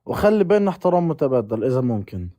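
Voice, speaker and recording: A man's voice: mid-range voice, very animated, racing, mellow, dry recording. A man calling into a live debate, insisting on finishing his question.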